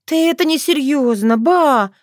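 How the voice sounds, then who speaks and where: A woman's voice: expressive, unhurried, no room sound, clean studio sound. Woman doing an earnest, easily shocked young witch. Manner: exclaiming, pleading, high-pitched.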